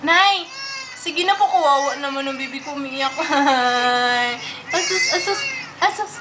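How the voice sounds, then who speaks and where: A woman's voice: high-pitched, unhurried. A woman on a video call, talking in doting, cooing baby talk to her baby. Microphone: computer microphone on a video call. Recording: noisy home video-call recording.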